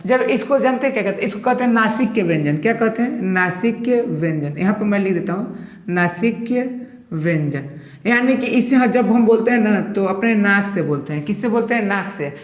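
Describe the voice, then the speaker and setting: A man's voice: high voice, lively intonation, moderate pace. A male teacher giving a grammar lesson, asking his own questions and answering them with repeated terms. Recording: roomy echo.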